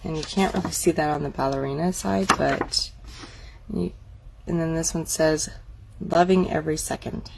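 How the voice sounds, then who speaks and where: Gravelly-voiced woman chatting through a craft catalog. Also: low-pitched, steady tone, normal speed, heavy background noise. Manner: chatty, admiring, thinking aloud. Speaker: craft demonstrator. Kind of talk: casual product walk-through.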